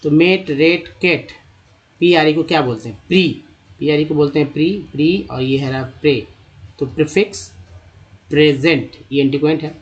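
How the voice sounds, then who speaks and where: A man teaching English reading in a phonics lesson, spelling out letters and sounding out each word part slowly. His voice sits a little high. The recording is dull and lo-fi. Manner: addresses viewers as friends. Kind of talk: spoken Hindi phonics lesson.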